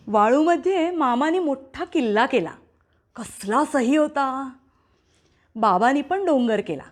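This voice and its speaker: A woman reading a children's story aloud, animated and playful, giving the characters voices. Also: high-pitched.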